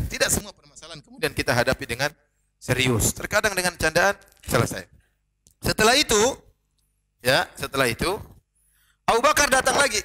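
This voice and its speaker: A man giving a religious lecture as a preacher, telling stories lively, quoting Arabic and joking with the audience. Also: a little high. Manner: lively storytelling, quotes Arabic, jokes with audience.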